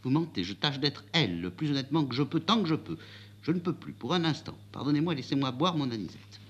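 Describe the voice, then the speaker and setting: Guy reading the part of a proud young hat-maker girl, voice pushed up high, swoops around. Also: quick pace, dull audio, slight background noise. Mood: weary. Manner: pitched up high, lively and indignant. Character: young milliner woman, spirited and proud.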